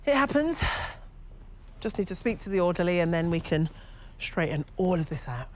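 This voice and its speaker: A woman's voice: lowish voice, sing-song, normal speed, a little mellow, slight background noise. An actress playing a defiant, cheeky young woman held in a psychiatric hospital, pleading and scheming. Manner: cheeky, pleading, swings to mock cries. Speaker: actor. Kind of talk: stage drama acting.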